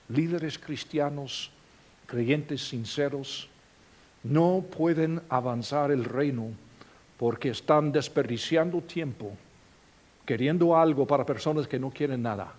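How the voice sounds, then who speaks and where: Slow, expressive male preacher. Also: a little high. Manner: expressive preaching, dramatic swings in volume. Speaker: pastor. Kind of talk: sermon.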